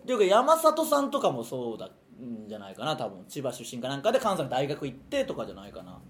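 A man co-hosting a comedy podcast, rough and teasing, firing off blunt retorts. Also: medium pitch, huge pitch swings, quick pace. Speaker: podcast co-host. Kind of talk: casual comedy podcast banter.

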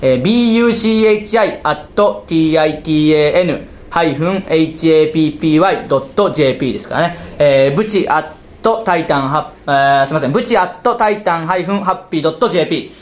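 A man hosting a comedy radio show with his duo partner, firing off quick retorts and laughing often while teasing him. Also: on the high side, lively intonation, reverberant. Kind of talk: casual comedic radio chat.

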